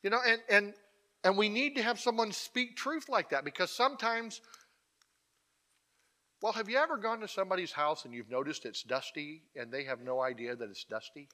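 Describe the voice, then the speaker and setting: A man's voice: sits high, normal speed, bright, forceful tone. A man preaching a conversational sermon. He is emphatic and keeps checking in with the congregation through asides.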